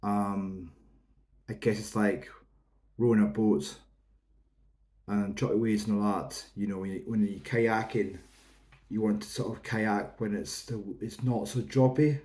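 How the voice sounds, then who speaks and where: Low-voiced Hebridean Scottish man, rambling casually. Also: steady tone, measured pace, pauses often, darkish tone. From Isle of Lewis, Outer Hebrides, Scotland. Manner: rambling, informal, explanatory. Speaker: whisky reviewer. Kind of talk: casual review to camera.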